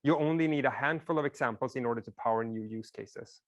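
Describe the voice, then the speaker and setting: A man who speaks Swedish as his first language lectures a class, explaining things in a relaxed way and often dropping in casual fillers. He talks fast at an ordinary middle pitch, and the audio sounds dull.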